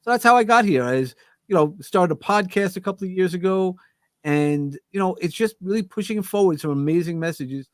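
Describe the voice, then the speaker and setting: Middle-aged Brooklyn-accented male guest, joking and animated, a dry close sound. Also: high-pitched, fairly quick, no echo. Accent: New York (Brooklyn). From Brooklyn, New York. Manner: animated, joking, self-interrupting. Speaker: podcast guest. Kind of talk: casual interview chat. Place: remote video call.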